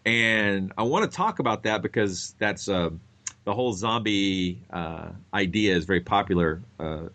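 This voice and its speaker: Deep, animated man hosting science podcast. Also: moderate pace. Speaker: podcast host. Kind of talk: scripted narration and interview for a science show.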